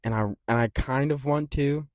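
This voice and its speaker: A man hosting a casual fight-prediction rant, rambling and swearing freely, with big jumps in loudness. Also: medium pitch, steady tone, normal speed, no room sound, studio quality. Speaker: MMA commentary channel host.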